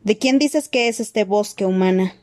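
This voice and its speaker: A woman's voice: mid-range voice, moderate pace, darkish tone, close to an everyday voice. A woman voicing a proud, fierce male centaur with a stern, roaring manner. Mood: scornful.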